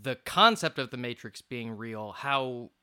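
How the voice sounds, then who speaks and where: A man hosting a movie podcast, talking fast and excitedly, laughing often in casual chat. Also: mid-range voice, clear, resonant tone. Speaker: podcast host.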